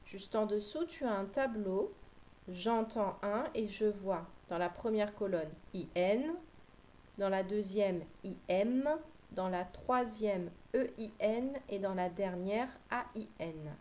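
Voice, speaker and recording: Woman teacher, mellow, unhurried; patient phonics drill for small kids, faint hiss behind. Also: mid-range voice, poor audio. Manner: slow, clear, patient dictation. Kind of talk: phonics lesson for young children.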